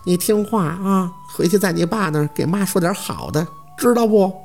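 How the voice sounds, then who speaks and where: A man voicing a weepy, frightened village wife in a high wailing voice. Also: lively intonation, normal speed, creaky, darkish tone, soft background music. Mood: pleading.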